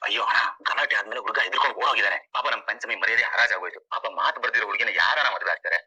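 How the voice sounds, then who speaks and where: A man's voice: lowish voice, rapid-fire, bright, forceful tone, slightly rough, full character voice, poor audio. A man voicing a scheming young man who puts on a whiny, falsely mournful tone. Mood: fake sorrow.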